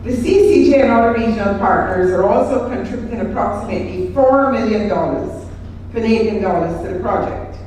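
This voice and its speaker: A woman's voice: mid-range voice, fairly quick, dark tone, slight background noise. Guyanese woman giving a formal speech in an echoey hall. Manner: formal, courteous, reading protocol list. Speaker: project director. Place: hotel function room. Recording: echoey hall, distant mic.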